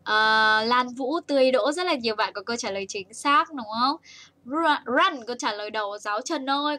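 A young woman with a Vietnamese accent teaches English to small children on a live stream, reading comments and praising them in a bouncy way. Her voice sits a little high and rings bright. She slows way down for English words and rushes through the Vietnamese. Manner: bouncy, praising, switches between slow English and rapid Vietnamese.

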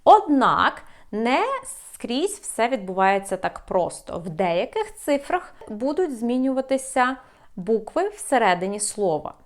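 A woman teaching an online English lesson, giving slow, clear explanations and drilling English number words. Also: mid-range voice.

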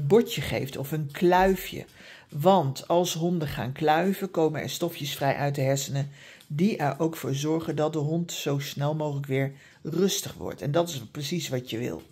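Woman, dog behaviour expert, breathy husky voice, calm patient advice, lots of fillers. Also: low-pitched. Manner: calm, patient, many fillers and tag questions. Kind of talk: explanatory advice talk.

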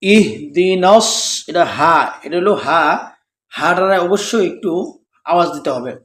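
A man teaching correct Quran recitation, reciting verses slowly syllable by syllable and explaining the pronunciation rules. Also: on the high side, fairly bright tone, echoey room.

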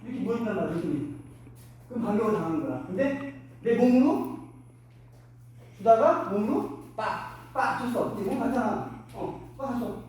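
Middle-aged guy coaching boxing, short barked cues, high lively voice, super echoey gym picked up from far off. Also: normal speed. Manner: short punchy commands, shouts punch sounds. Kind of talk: hands-on boxing instruction. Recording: echoey gym, mic from afar.

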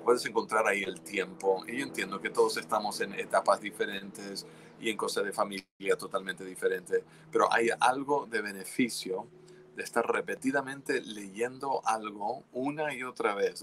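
A man's voice: lowish voice, moderate pace, a bit bright, slight background noise. A man preaching a teaching sermon, earnest and exhorting listeners, often restarting his words mid-sentence. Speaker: pastor.

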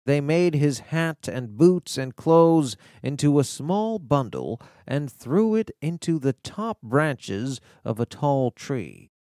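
A man's voice: medium pitch, dry recording, clean studio sound. A man reading a children's fantasy story aloud as an audiobook narrator. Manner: slow, animated storytelling. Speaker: audiobook reader.

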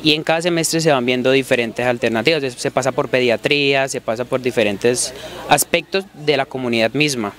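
A man's voice: mid-range voice, a little fast, fairly bright tone, a little hiss or hum. A young man, a nursing student, answering interview questions hesitantly with many fillers. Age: young adult.

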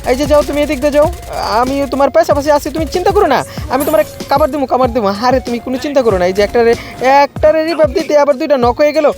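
A man giving comic, teasing commentary over a shooter match, yelling at his teammates. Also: very high voice, quick pace, soft background music. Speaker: gamer.

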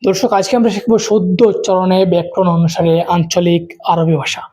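A man teaching spoken Arabic to Bangla speakers, repeating each phrase slowly and translating it. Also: high voice, little pitch movement, warm tone. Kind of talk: language lesson.

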